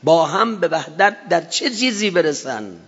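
A man preaching a religious sermon with impassioned emphasis, swelling to drawn-out chanted phrases. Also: a little high, very animated, a bit bright, breathy edge. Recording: dull lo-fi recording in a reverberant hall.

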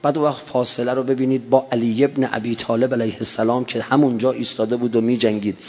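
A man preaching a religious sermon with impassioned emphasis, swelling to drawn-out chanted phrases. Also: medium pitch, little pitch movement, a little mellow. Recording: dull lo-fi recording in a reverberant hall.

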